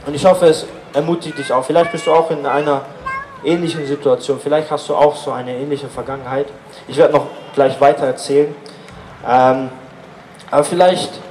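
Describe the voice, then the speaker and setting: A man's voice: on the high side, darkish tone, roomy sound, a little hiss or hum, rough recording. Earnest man giving casual faith testimony. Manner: informal, earnest, many fillers.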